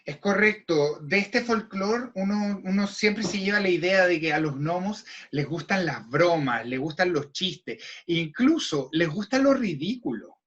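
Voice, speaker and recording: Upbeat, high-voiced Chilean man. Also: expressive, a little slow, hardly any pauses, a bit bright, muffled recording. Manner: enthusiastic, playful, conversational. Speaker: host. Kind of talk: explanatory roleplaying-game chat.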